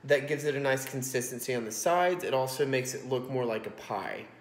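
A medium-pitched man in his 30s moves briskly through his casual cooking vlog, explaining what he's doing in a chatty, self-deprecating way. He films in his home kitchen on an iPhone resting on a stack of books, giving a roomy, echoing sound.

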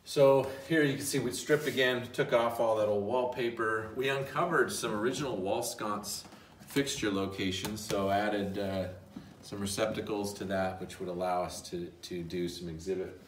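Man, middle-aged, low voice, casual museum tour, roomy echo, recorded from a distance on a phone, faint background hiss. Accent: Pacific Northwest American. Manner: walks room to room explaining restoration work, with frequent fillers. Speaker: museum director giving a tour. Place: large empty house museum rooms with bare walls, indoors. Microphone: handheld phone camera following him, often several steps away. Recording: roomy echo, speaker off mic.

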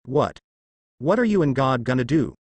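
A gloating male demon with a lively, swinging voice that taunts and mocks, as a male narrator plays him. His lines sound close and dry. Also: mid-range voice, normal speed, breathy edge, no echo. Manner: taunting, mocking.

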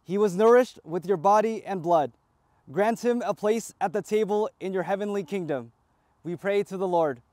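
Priest, male, high voice, measured recitation of funeral liturgy, dry sound. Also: a little mellow, no room sound. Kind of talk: graveside funeral rite.

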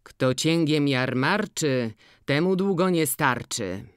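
Lady doing a sly old farmer guy, low and slow, dry close sound. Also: expressive, smooth, dry recording. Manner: slow, measured, low-key.

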